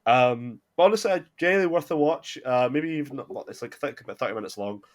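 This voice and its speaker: A man's voice: mid-range voice, expressive, fast. A man hosting a podcast in casual chat, rambling with lots of filler words and restarts. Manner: rambling, heavy filler words, self-correcting. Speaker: podcast host.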